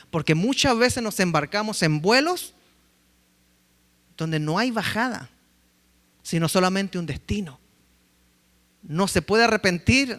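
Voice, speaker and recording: A man preaching in a church, his voice high and bright. He tells lively stories and acts out the quotes. A long reverb hangs after his words. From Chile. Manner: lively storytelling, acting out quotes. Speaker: pastor. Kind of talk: sermon. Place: church sanctuary.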